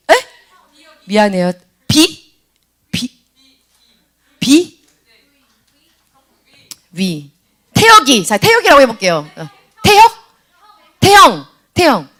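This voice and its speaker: A woman's voice: high voice, a bit bright. A woman leading a youth sermon in church, questioning students by name and acting out scenes. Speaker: youth pastor.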